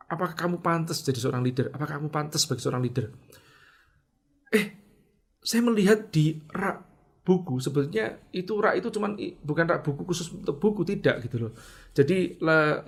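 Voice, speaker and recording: A middle-aged man with a somewhat high-pitched voice tells a personal story in a monologue. He acts out his past outbursts with sudden raised shouts, then sinks into a hushed, self-questioning tone as he reflects. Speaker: speaker sharing leadership lessons.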